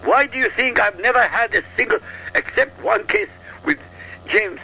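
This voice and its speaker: This is a man from Iraq holding forth as a talk show guest. He is emphatic and insistent and throws out rhetorical questions. His voice is sharp and forceful, fairly high, and swings across a wide range. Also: animated, moderate pace, vocal fry, slightly rough, poor audio. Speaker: guest commentator. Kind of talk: heated political talk.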